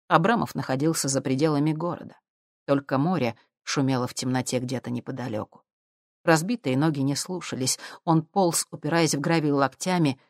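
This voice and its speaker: Brief: low-pitched female audiobook narrator, even storytelling, dry close mic. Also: no echo. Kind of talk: scripted narration.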